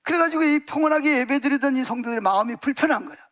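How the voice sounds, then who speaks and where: Very high-voiced male pastor preaching. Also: racing, a bit bright. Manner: vivid storytelling with many emphatic fillers. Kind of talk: sermon. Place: church.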